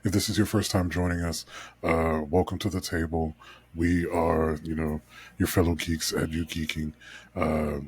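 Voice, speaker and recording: A man with a deep, slightly husky voice hosts a casual podcast with his friends. He rambles through welcomes with plenty of fillers and laughs often along the way. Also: little pitch movement, normal speed. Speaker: podcast host.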